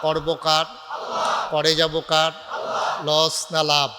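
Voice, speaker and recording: A man's voice: on the high side, monotone, takes it slowly, long reverb tail, heavy background noise. A man from Bangladesh preaching a waz sermon. He banters with the crowd and moves into sung, chanted phrases that call for responses. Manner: breaks into sung, chanted delivery and rouses the crowd to call back; banters with the audience and gives directions to the crowd. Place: large night gathering.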